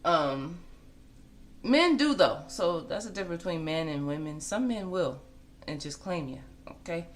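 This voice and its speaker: American woman, forty, lowish voice, frank and chatty gossip vlogger who drives points home. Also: normal speed, slight background noise. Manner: blunt, conversational, emphatic repetition. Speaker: celebrity gossip commentator. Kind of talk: casual gossip vlog commentary.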